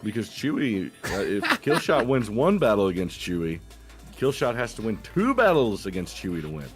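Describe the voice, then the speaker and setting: A man's voice: lowish voice, big pitch swings, normal speed. A man co-hosting a sim racing livestream, chiming in with short dry remarks and bracket updates, with faint music behind him. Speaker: co-host and announcer. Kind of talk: casual esports livestream co-hosting.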